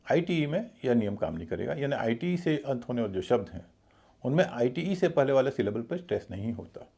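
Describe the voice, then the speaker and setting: A man's voice: medium pitch, creaky, mellow, slightly rough. A man teaching English pronunciation in a video lesson, explaining the rules methodically and spelling words out letter by letter.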